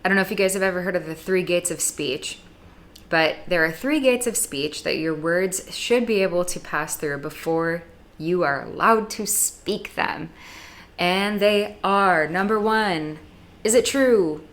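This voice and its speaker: A young woman from the United States talks straight to her viewers in a casual vlog, blunt and sarcastic. Her voice sits a little low for a woman. She throws in dramatic asides and plain warnings. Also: unhurried, a bit bright. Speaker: YouTube vlogger. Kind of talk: casual opinionated monologue.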